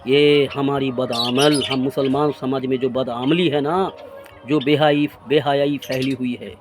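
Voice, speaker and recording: A man's voice: mid-range voice, steady tone, measured pace. A man in his forties delivering an earnest, reproachful religious sermon to his friends, piling up repeated phrases. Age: 40s. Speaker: preacher.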